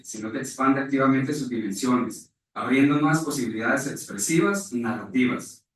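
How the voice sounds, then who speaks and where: A man from Rica, giving a formal, measured academic conference presentation that is partly read aloud, and correcting himself at times. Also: medium pitch, a bit bright. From Costa Rica. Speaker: conference speaker. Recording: echoey hall, voice far from mic.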